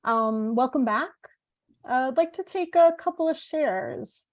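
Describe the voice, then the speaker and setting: Her voice sits high and her intonation is lively, though she speaks a little slowly and the recording is muffled. She is a bilingual woman, born in the United States to Italian parents and half her life spent in Italy, leading an online workshop in a relaxed, conversational lecture style with group facilitation.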